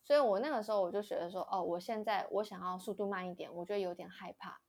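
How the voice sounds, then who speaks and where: A woman's voice: mid-range voice, quick pace, a little mellow. A young woman co-hosting a casual chat, telling a story animatedly, often laughing and acting out the voices of people in it. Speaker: podcast co-host.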